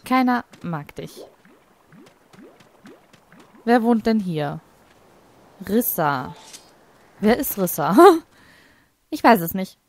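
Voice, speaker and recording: Unhurried, laughing let's-play woman. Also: medium pitch, expressive. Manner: thinks aloud, laughs often, wry and teasing. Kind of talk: casual gameplay commentary.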